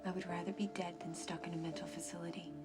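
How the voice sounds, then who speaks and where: High-voiced desperate woman pleading , played by an actress. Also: a little fast, loud music behind the voice, close to an everyday voice. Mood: desperate, defiant. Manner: pleading, intense, breathy urgency. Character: desperate, obsessive woman doctor pleading for help. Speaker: actress in a TV soap opera. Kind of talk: soap opera dramatic acting.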